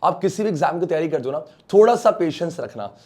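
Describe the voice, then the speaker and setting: Fairly quick and expressive, this Indian teacher's dark-toned voice sits on the high side as he leads an online science class. He coaxes his students, addressing them as beta and bachcha, poses questions and answers them for the class, and mixes in English terms.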